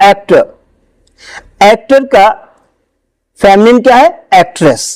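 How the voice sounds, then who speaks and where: Guy teaching grammar, high voice, dry no-echo sound, asks then answers his own questions. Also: a little mellow. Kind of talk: classroom lesson explanation.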